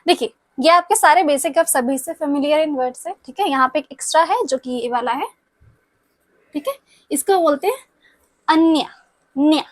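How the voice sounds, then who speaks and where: A young woman teaches a language lesson step by step, often checking that her students are following. Her high voice is animated and fairly quick, and the recording is dry.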